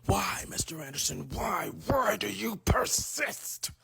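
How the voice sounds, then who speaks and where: A man's voice: sits high, big pitch swings, takes it slowly, vocal fry, a bit bright, breathy edge, in a whisper, pitched above the performer's own voice, full character voice. A man playing a bitter, menacing machine agent in a dramatic film monologue, declaiming and interrogating with heavy emphasis. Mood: frustrated anger.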